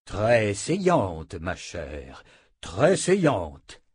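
A man's voice: on the low side, huge pitch swings, very slow, a little mellow, slightly rough, dry recording, full character voice. A man voicing a powerful, pious official who speaks with unctuous, solemn courtesy.

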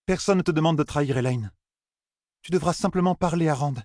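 A man voicing a gentle young woman who softly coaxes her friend, in a fantasy audiobook. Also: a little high, a little fast, no echo, studio quality, voice pushed up, close to an everyday voice. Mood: coaxing.

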